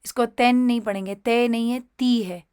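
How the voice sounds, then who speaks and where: Female reading teacher, close dry sound, drills syllables slowly and repeats words, patient explainer. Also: on the high side, fairly even intonation, a little mellow, smooth, no room sound. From Pakistan. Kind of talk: online reading lesson.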